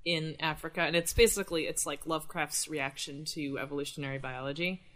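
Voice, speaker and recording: Lowish-voiced, wry woman. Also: fairly even intonation, brisk, a bit bright. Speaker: podcast co-host. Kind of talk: casual, opinionated literary chat.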